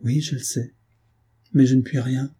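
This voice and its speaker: A man reading an audiobook, voicing a gentle, heartbroken young woman who speaks softly and tremulously. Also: medium pitch, steady tone, normal speed, husky. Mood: tender. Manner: soft, trembling, tearful.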